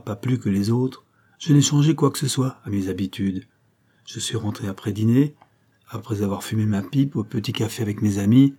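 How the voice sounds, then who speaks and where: A man's voice: mid-range voice, warm tone, slightly rough, natural voice. A male narrator voicing a fussy, methodical old accountant who speaks with prim indignation.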